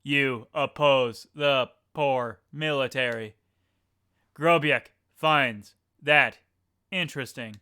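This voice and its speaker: A man voicing a stoic robot soldier in a video game, talking on an in-breath in a slow, halting robot voice. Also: medium pitch, pushed and bright, clear, resonant tone. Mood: monotone. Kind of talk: voicing game dialogue aloud on a stream.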